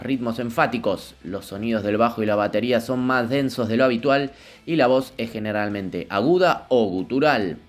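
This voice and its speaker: A man narrating a scripted music history in an even, measured reading voice. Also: fairly low pitch.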